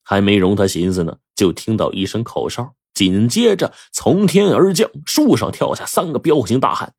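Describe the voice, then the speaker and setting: A man telling a folk tale, with animated, dramatic narration. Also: on the low side, normal speed, breathy edge, no room sound, clean studio sound. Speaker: storyteller. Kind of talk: oral storytelling.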